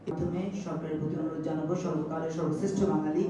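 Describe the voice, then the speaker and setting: High-voiced man orating in an echoey hall. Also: flat delivery, very fast, warm tone. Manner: emphatic, rhetorical oratory. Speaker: youth representative speaking at a memorial event. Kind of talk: formal public speech. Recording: echoey hall, distant dull mic, faint noise.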